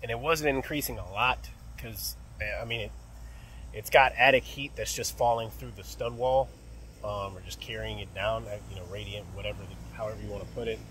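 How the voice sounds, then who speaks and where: With a lowish, fairly bright voice, fairly even intonation and a fairly quick pace, a young HVAC technician narrates his service call in a casual vlog, restarting and using fillers as he thinks aloud. Shot on a phone camera held close outdoors by an AC unit and in an indoor closet, the recording is low-quality with slight background noise.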